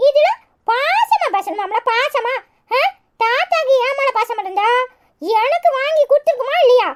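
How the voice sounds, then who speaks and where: With an extremely high, expressive voice at a brisk clip, a woman plays an indignant, stubborn little village girl in a cartoon, speaking with a Kanyakumari Tamil accent. The girl argues with sharp, sarcastic comebacks, and a little hiss or hum is audible.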